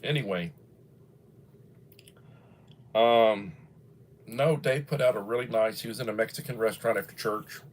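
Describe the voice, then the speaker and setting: This livestream host is a man in his sixties, early sixties to be exact, whose lowish voice keeps a moderate pace broken by long pauses. He rambles in a folksy, casual manner as he reads out comments from viewers.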